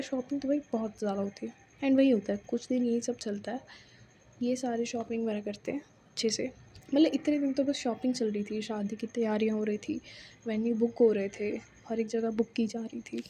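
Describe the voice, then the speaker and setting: A woman's voice: on the high side, mellow, a little hiss or hum. A woman telling a romance story in a chatty, casual way, full of informal fillers. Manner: chatty, filler-heavy, addresses listeners informally.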